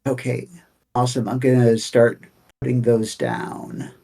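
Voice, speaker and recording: Creaky-voiced man at a game table. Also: mid-range voice, fairly even intonation, unhurried, dark tone. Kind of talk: casual chat.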